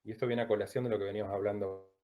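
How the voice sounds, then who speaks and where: A man from Latin America teaching a Chinese pronunciation class, who drills sounds slowly and checks in with "¿bien?" after each point. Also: fairly low pitch, level tone, lo-fi sound. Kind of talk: online class lecture.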